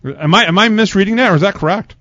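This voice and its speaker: A sports radio host conducts a conversational hockey interview, chatty, wordy and joking. His voice is high-pitched, fast, bright and forceful, with no room sound, though the radio audio is dull and lo-fi.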